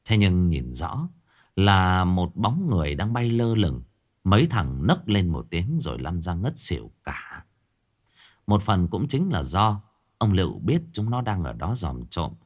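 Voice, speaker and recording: A man with a lowish voice recounts a ghost story, full of drama, his intonation swinging up and down energetically.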